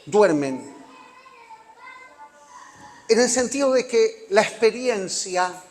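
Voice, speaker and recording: Argentine pastor preaching in a reverberant hall. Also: male voice, high voice. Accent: Rioplatense Spanish. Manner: conversational preaching, rhetorical questions, acts out church members. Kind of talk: sermon. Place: church hall.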